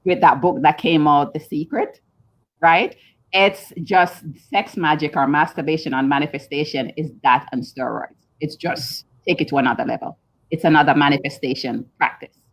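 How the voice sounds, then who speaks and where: A woman's voice: deep voice, normal speed. A woman with a Jamaican accent, a guest coach talking casually in an interview with frequent ums. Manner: relaxed, chatty, frequent ums. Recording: dull lo-fi sound.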